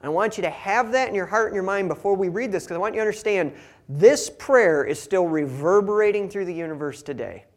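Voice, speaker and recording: Man, Bible teaching, reads scripture aloud, conversational commentary, earnest, light humor, slightly higher voice. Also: brisk.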